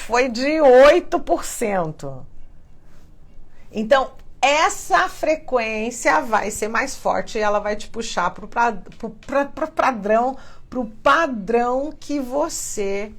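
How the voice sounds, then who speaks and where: Brazilian woman host, slightly high-pitched, casual animated teaching to a live audience. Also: takes it slowly. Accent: Brazilian Portuguese. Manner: chatty, animated, acts out quoted voices. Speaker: spiritual live-stream host.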